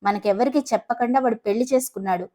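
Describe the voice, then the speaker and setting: A proud, boastful middle-aged father with a sarcastic streak, put on by a woman narrator. He talks in a fairly high voice and is quick to scold. It is a storybook reading. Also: warm tone, close to an everyday voice.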